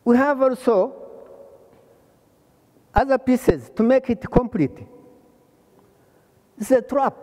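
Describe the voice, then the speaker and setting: An older man from Rwanda giving a hands-on plumbing lesson, pausing often and repeating phrases as he shows the parts. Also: very high voice, a little mellow, big-room sound. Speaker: plumbing instructor. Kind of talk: slow hands-on trade lesson. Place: large workshop hall.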